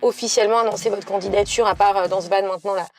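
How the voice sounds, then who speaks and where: A woman's voice: medium pitch, steady tone, very fast, faint music behind. A woman from the south of France interviewing a guest in a chatty, playful way. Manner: chatty, playful, laughs often. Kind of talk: casual conversational interview. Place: in a van.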